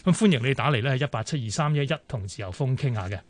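A man with a Hong Kong Cantonese accent hosting a radio phone-in show, brisk and full of fillers. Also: mid-range voice, expressive, no echo. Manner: brisk, many fillers and pauses. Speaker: radio talk show host.

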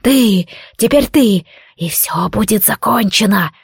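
Woman voicing a shrill hooded old evil spirit. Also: lively intonation, slow, gravelly, slightly rough, no room sound, clean studio sound, full character voice. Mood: impatient. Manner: hissing, shrill when frightened. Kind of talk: audiobook character voice.

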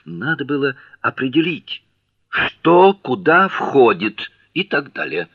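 A man voicing a naive, earnest young gentleman asking curious questions. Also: medium pitch, sing-song, takes it slowly, breathy edge, muffled recording, voice pushed up, exaggerated voice.

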